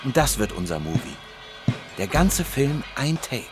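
A man's voice: medium pitch, very animated, measured pace, over music. An actor in a radio drama playing an anxious man who wants to stay home and keep everyone near.

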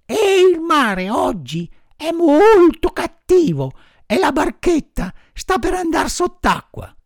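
A man voicing a tiny frail old village woman in a shrill, very high, anxious telling, in a dry recording. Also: very animated, slow, no room sound, heavily acted. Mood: alarmed. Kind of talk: audiobook character voice.

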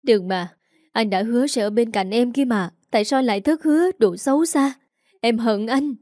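A woman's voice: medium pitch, brisk, dark tone, no room sound, clean studio sound, lightly acted. A woman voicing a frantic, grieving young woman who pleads through tears. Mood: distraught. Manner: pleading, tearful, breathless.

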